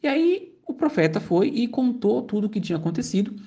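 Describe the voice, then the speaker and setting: A woman's voice: a little high, big pitch swings, a little fast, mellow. A woman, casually telling a religious story and linking each part with the same repeated phrase.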